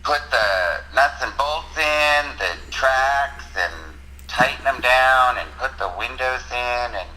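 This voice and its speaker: A man's voice: medium pitch, takes it slowly, hardly any pauses, sharp tone, poor audio. A man heard over a phone on speakerphone, chatting casually and explaining at length as a friend calling in to a live show.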